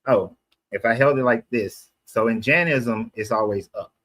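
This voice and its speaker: Speaking at normal speed in a mid-range, slightly bright voice, a man from Atlanta, USA holds a casual street conversation. He debates, explains at length, and keeps correcting himself.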